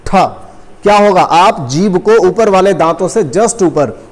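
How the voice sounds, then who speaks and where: A man teaching a coaching class, explaining step by step and slowly repeating sounds for students. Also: high-pitched, a little mellow. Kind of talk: classroom lecture. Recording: long reverb.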